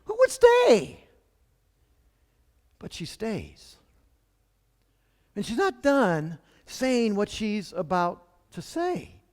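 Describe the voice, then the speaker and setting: A man's voice: high voice, very animated, takes it slowly, long pauses, big-room sound. A man preaching a sermon as pastor, in a conversational way with rhetorical questions.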